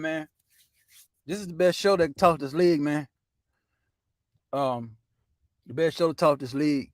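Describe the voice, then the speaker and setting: Guy ranting about football, says man every other word, kinda high voice, dry sound. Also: no room sound. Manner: loose, profane, says "man" constantly. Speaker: sports talk show host. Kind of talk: casual sports rant.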